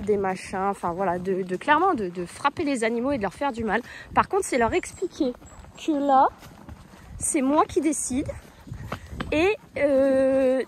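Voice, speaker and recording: High-voiced chatty woman outdoors. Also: slight background noise. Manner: chatty, explains as she goes, coos praise to her horse. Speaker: horse owner vlogger. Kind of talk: casual outdoor vlog commentary. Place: outdoors on a rural path with a horse. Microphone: phone held in one hand.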